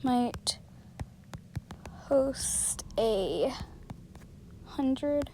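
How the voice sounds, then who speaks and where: High-voiced, giggly woman gaming. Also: expressive, very slow, a little mellow, a little hiss or hum. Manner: giggly, self-mocking, chatty to viewers. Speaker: gaming channel host. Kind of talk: casual gameplay commentary.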